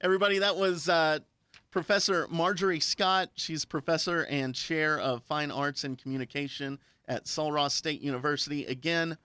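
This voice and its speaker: With a fairly high pitch, steady tone and normal speed, this American man hosts a friendly radio interview with a guest. His clean, bright, forceful voice has no echo, and his manner is enthusiastic, affirming and folksy.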